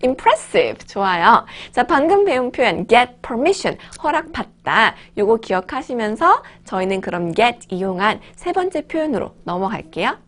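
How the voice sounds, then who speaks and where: A woman teaching English phrases to learners in an upbeat, encouraging way, reading example sentences slowly and clearly. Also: fairly high pitch, very animated. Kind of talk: online language lesson.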